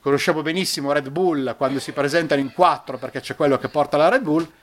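A man preaching a sermon, emphatic and animated, raising his voice for quotations and dropping low for asides. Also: fast talker. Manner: animated, emphatic preaching with dramatic pitch swings.

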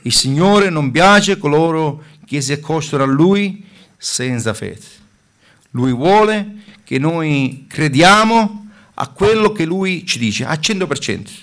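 Gravelly man preaching a sermon. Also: fairly high pitch, expressive, takes it slowly, a bit bright. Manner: fervent, with restarts and hesitations.

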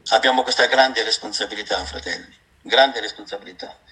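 A man with a lowish voice preaches a sermon a little fast, reading scripture and calling his listeners brothers. He swings passionately between raised exclamations and quiet asides, and the audio is poor.

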